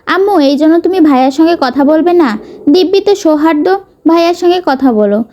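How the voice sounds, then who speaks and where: A woman's voice: high voice, a little fast, muffled recording. A woman voicing a cheerful young woman who talks affectionately with her family. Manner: lively, affectionate. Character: cheerful young woman, loving sister and mother.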